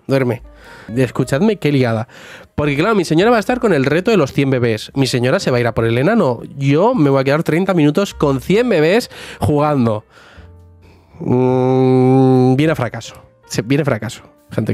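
A man's voice: medium pitch, lively intonation, a little fast, a little mellow, soft background music. A man streaming a life-sim game live, chatting jokily with viewers and talking to his character. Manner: chatty, jokey, talks to chat and to the sim. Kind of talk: casual live gameplay chat.

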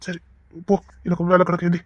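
A man with a Tirunelveli Tamil accent, his voice high-pitched and a bit bright, plays a wheedling, teasing office boss in a village web series. His delivery is brisk and completely flat, and the recording is dry and muffled.

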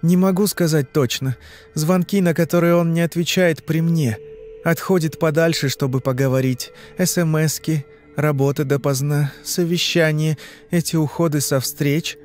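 A man voicing a frightened young woman under hypnosis in an audiobook, answering in short, halting phrases. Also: a little high, fairly even intonation, darkish tone, soft background music, pitched above the performer's own voice, natural voice. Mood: uneasy. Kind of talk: audiobook reading.

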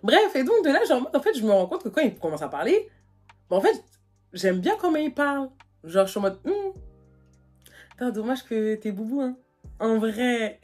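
A young woman from France, telling a casual storytime to her vlog audience in animated, slangy talk full of fillers. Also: sits high, moderate pace, pauses often, breathy edge, soft background music. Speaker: vlogger. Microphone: phone.

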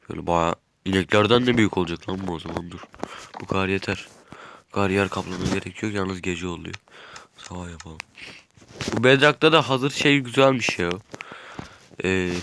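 Against a noisy background, a lowish-voiced man with a stuffy nose casually comments on his gameplay, thinking aloud while building. He's a gaming YouTuber.

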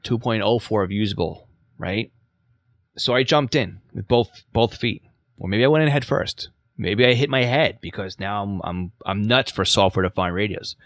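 A man's voice: fairly low pitch, dry recording, clean studio sound. A man with a New York accent hosting a casual spoken lesson, chatty, repeating himself with self-mocking asides. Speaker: podcast host and teacher.

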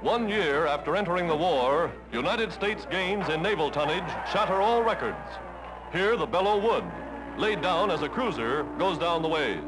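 Old newsreel, male narrator, high lively delivery, brisk emphatic announcing, loud brass music behind. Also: poor audio.

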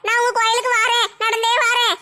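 A woman's voice: very high voice, completely flat delivery, fast talker, bright, forceful tone. A woman playing a fearful, chatty village wife and mother who rambles and complains. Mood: frightened.

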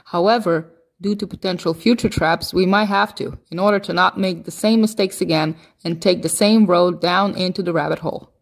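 A woman's voice: lowish voice, fairly even intonation, a little fast, creaky, hardly any pauses. Woman reading a scripted intro. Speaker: host narrating an intro. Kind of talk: scripted voice-over narration.

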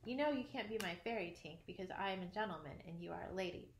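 Storybook boy, boastful, bright, lively and a bit impatient, a woman reading him, roomy echo. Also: on the low side, fast talker, a little hiss or hum, close to an everyday voice. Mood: matter-of-fact. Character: cheerful boastful boy who never grows up.

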